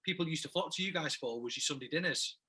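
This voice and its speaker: A man's voice: fairly high pitch, fast, pushed and bright. A man hosting a casual interview, matey and bantering, often chipping in agreement.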